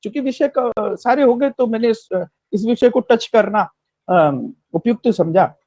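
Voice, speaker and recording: A man's voice: extremely high pitch, a little slow, mellow, no room sound. A man giving impassioned political commentary, rhetorical and emphatic, repeating phrases for effect, on a dry, slightly dull recording.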